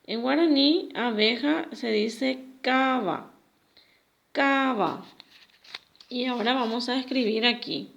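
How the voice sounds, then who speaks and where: Lady teacher going slow over each word, kinda gravelly voice, dull lo-fi sound. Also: on the high side, a bit bright, a little hiss or hum. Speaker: Guaraní teacher. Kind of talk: recorded language lesson for children.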